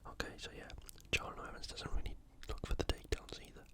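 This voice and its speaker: Sports previews come in a gentle, unhurried whisper from this UK-based video host. The ASMR delivery is soft, breathy and kept very quiet.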